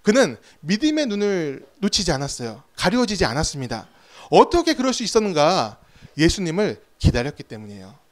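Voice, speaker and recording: A man's voice: high-pitched, wildly swooping pitch, brisk. A man preaching a sermon as pastor, telling stories with rhetorical questions and acted-out quotes.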